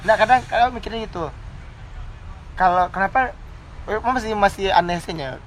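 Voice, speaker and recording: A man's voice: high-pitched, moderate pace, slight background noise. A young man, chatting casually as a podcast co-host and acting out quotes as he tells stories. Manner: animated storyteller, acts out quotes. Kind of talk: casual chat.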